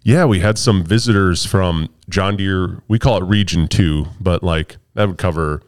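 In a studio, a male podcast host keeps things casual, joking and laughing often. He speaks at a moderate pace in a low voice.

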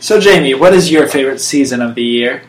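This young adult man hosts a casual podcast, delivering playful monologues in a mock-serious, emphatic style. His medium-pitched voice is animated and quick. The recording has a roomy echo and faint background noise.

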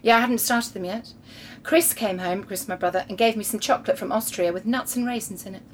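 A woman's voice: medium pitch, fast, a little hiss or hum. Wry woman reading her old diary. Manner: wry, reads diary entries aloud with dry asides. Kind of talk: casual podcast chat.

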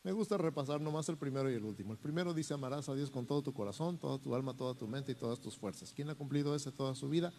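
A man's voice: mid-range voice, fast, hardly any pauses, mellow, a little hiss or hum. A male Mexican pastor preaching a sermon and leading a fervent repeat-after-me prayer. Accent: Mexican Spanish. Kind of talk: sermon with altar call prayer. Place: church sanctuary. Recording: long church reverb with music.

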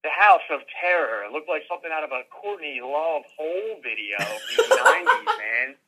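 A man's voice: a little high, wildly swooping pitch, fairly quick, pushed and bright, poor audio. A man co-hosting a casual podcast, enthusiastic and slangy, often tagging sentences with "man". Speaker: podcast co-host.

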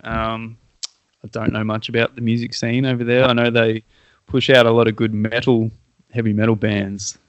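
A man hosting a casual chat. He sounds relaxed and encouraging and cuts in with quick agreements. His voice sits at an ordinary middle pitch and the sound is dry and close, with no room echo. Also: dull audio. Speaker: interviewer, podcast host.

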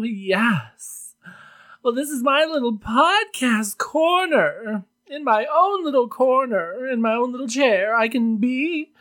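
A podcast host voicing a campy drag queen hostess, a theatrical, attention-loving diva with gushing, drawn-out delivery. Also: high voice, fairly bright tone, pitched above the performer's own voice, full character voice. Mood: grand, welcoming.

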